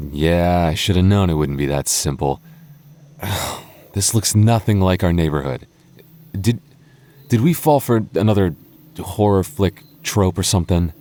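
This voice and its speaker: A young voice actor plays a goofy, doting goth boyfriend in an ASMR roleplay, stammering, teasing himself and laughing often, with an uneasy mood underneath. His low, warm voice is animated yet measured in pace, with frequent pauses.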